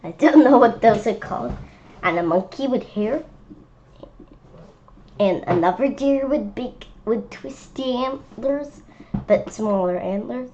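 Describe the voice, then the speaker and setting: Female children's book reader, unhurried and halting with curious asides; lo-fi audio with faint background noise. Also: a little high, dark tone. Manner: halting reading with asides and wondering questions. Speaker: read-aloud presenter. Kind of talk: children's picture book read-aloud with spontaneous comments. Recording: dull lo-fi sound with faint noise.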